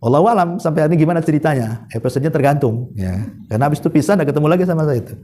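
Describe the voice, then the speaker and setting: Fast-talking preacher. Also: male voice, on the high side. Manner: chatty, animated retelling with laughs. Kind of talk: sermon storytelling.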